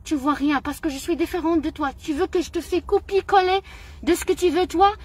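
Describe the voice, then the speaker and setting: High-voiced indignant woman. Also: fairly quick. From Morocco. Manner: indignant, emotional, repeats phrases. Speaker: vlogger. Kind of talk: impassioned personal monologue.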